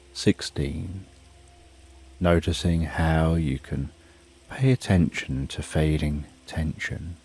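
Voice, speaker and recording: A man narrating a sleep story as a slow, soothing, hushed guided relaxation, with soft music and rain behind him. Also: very deep voice, breathy edge. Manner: soothing, unhurried, hushed delivery.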